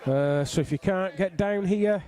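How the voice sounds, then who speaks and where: A man's voice: high voice, a little slow, mellow. A middle-aged man giving casual, jokey live commentary on a bowls match. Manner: jokey, bantering. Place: outdoors on a flat roof in the rain.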